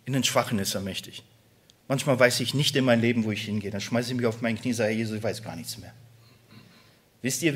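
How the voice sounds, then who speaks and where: A male preacher and church elder giving an emotional sermon, swinging between loud emphatic outbursts and quiet confessions and often checking in with the congregation. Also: mid-range voice, breathy edge.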